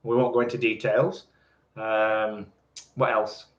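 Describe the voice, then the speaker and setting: Here a man in his forties talks slowly in a lowish voice with little pitch movement. He is co-hosting a live stream, ribbing his partner and reading viewer comments, and the recording is echoey and a touch dull.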